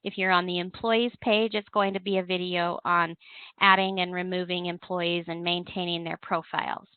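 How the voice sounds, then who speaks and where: A woman with a fairly low, clear, resonant voice and little pitch movement presents a compliance software webinar, guiding listeners step by step at normal speed. The recording is dry, carried over a telephone conference call's thin, narrow-band line.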